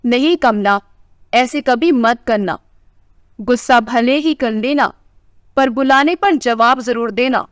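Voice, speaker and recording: A fond, teasing old husband in his sixties coaxing his wife in a storybook tale, as a woman reader puts him on. The voice sits high and reads smooth and clear. The recording is close and dry. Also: slow pace, no echo. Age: 60s.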